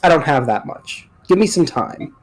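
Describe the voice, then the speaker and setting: A man's voice: a little high, animated, moderate pace, natural voice. A man voicing an earnest young mercenary commander, cautious but decisive, in a game read-aloud.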